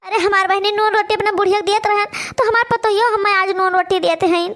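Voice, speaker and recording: A woman's voice: extremely high pitch, fairly even intonation, fast, a bit bright. A woman voicing a frail, hungry old grandmother in a cartoon, with an Awadhi accent and a whiny, pleading way of talking. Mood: lamenting. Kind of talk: cartoon voice acting.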